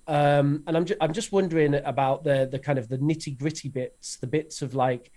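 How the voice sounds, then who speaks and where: A man's voice: fairly high pitch, steady tone, normal speed, dark tone. A man co-hosting a podcast, asking long, meandering questions with many restarts. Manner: rambling, hesitant, many fillers and restarts. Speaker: podcast co-host. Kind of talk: interview questions, casual chat.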